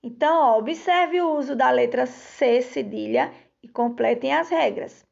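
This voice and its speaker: A woman, a teacher giving a slow, patient recorded lesson to children and sounding out words carefully. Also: high voice, creaky, a little mellow. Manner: slow, patient, drawn-out word reading. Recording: dull lo-fi recording.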